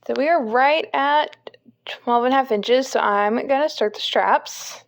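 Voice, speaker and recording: A woman's voice: sits high, unhurried. A young woman talking through a casual knitting tutorial, chatty and candid with frequent ums, recorded on a phone at home. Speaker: knitting vlogger. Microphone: phone on a stand.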